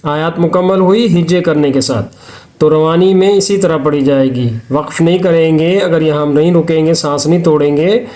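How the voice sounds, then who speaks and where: A man teaching tajweed in a methodical, repetitive way, breaking into slow, drawn-out Quran recitation between explanations. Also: fairly high pitch, dark tone. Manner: methodical, repeats rules step by step. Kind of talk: Hindi-Urdu lesson on tajweed, with recitation.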